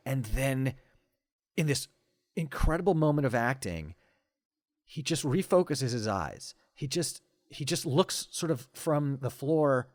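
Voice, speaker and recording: A man's voice: mid-range voice, dry recording. A man in his forties, a podcast guest, talking with enthusiasm and many stammering restarts in casual conversation.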